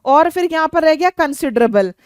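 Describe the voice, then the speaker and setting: A woman's voice: high-pitched, lively intonation, moderate pace, dry recording, clean studio sound. A woman with an Indian accent teaching English vocabulary for an exam, explaining meanings and spelling words out letter by letter. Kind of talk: exam-prep lesson.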